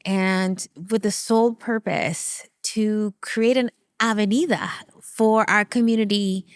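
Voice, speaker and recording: Her medium-pitched voice is clean and slow as this middle-aged Venezuelan guest, a native Spanish-speaking producer and CEO, animatedly shares her story in an interview, laughing frequently. The studio-quality recording has no echo.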